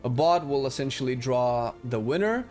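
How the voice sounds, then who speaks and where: Animated and a little mellow, this man's mid-range voice moves at a moderate pace. He's casually chatting to viewers during a live gaming stream, swearing now and then, with faint game music behind him.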